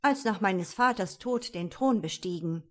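A woman's voice: mid-range voice, expressive, unhurried, natural voice. A woman voicing a young, dreamy prince who resents becoming king. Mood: weary. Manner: sulky, dramatic outbursts.

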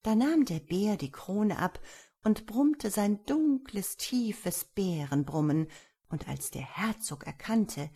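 A woman narrating a fairy tale aloud in a lively, expressive storybook manner. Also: medium pitch, breathy edge. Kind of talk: storybook reading.

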